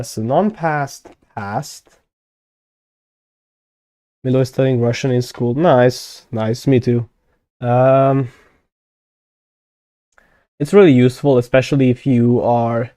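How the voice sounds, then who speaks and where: A young Hungarian-native man streams live about constructed languages, chatting casually in a mellow, warm, medium-pitched voice. He thinks out loud, trails off into fillers, and often corrects himself. The recording is dry and close, with no room sound.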